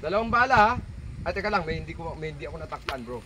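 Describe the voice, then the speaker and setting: A man's voice: on the high side, animated, racing, noisy background. A man working as a firearms instructor, coaching trainees patiently and repeating his instructions. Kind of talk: hands-on range coaching. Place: outdoor shooting range.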